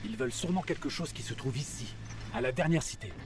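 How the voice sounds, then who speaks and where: An actor voicing an alert, analytical robotic companion in a French-language video game dub. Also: male voice, a little high, lively intonation, fast talker, noisy background, lightly acted. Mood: urgent, analytical.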